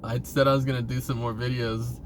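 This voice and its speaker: A vlogger rambles casually through a monologue full of questions, hesitating and often restarting his phrases. He speaks briskly at a medium pitch and a level tone, with background noise present.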